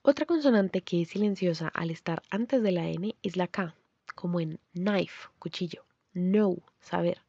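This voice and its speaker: A woman giving a scripted pronunciation lesson, explaining clearly and saying example words slowly. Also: medium pitch, a little mellow, no echo, lo-fi sound. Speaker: language teacher.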